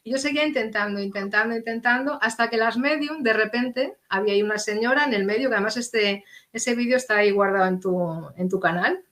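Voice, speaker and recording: A woman's voice: fairly high pitch, fairly quick, few pauses. A middle-aged woman, earnestly telling a personal story as an interview guest and acting out the dialogue. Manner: earnest, animated, acts out quoted dialogue.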